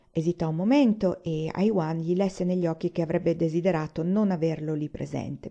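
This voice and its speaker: A woman reading a novel aloud in a calm, even storytelling voice, voicing the dialogue lightly. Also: fairly low pitch, lo-fi sound. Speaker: reader.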